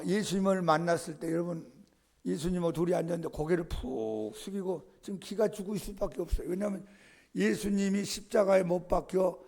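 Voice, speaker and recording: A man pastor giving a Sunday sermon, lively and emphatic, acting out the story and addressing the congregation directly. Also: high voice, vocal fry. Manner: animated preaching, acts out scenes, blesses the congregation.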